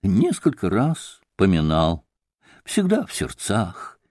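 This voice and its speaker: A man reading the lines of an earnest, devout young woman in an audiobook, speaking low and heartfelt. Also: wildly swooping pitch, slow pace, darkish tone, no echo, studio quality, full character voice.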